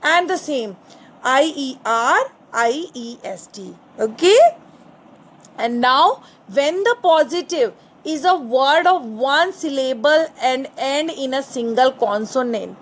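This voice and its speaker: A woman with a high, light voice and an Indian English accent teaches a grammar lesson for children. She speaks slowly and deliberately, switching between Hindi and English and posing questions that she then answers herself. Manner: patient, asks questions and answers them herself; calls listeners "children", mixes Hindi and English. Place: indoors, screen recording.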